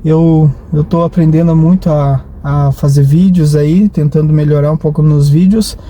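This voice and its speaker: A Brazilian man rambles through a casual vlog, hesitant and full of restarts and tag questions. His voice is fairly high, steady, and dark in tone, at a moderate pace. Traffic noise fills the background of the recording.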